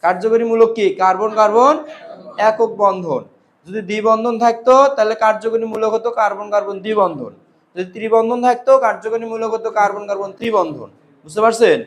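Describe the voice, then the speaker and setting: A man with a high voice teaches a chemistry class, firing short questions at the students and repeating every answer back in a drill. A faint hiss of room noise sits under his voice. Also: fast. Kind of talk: classroom lecture with call-and-response questions.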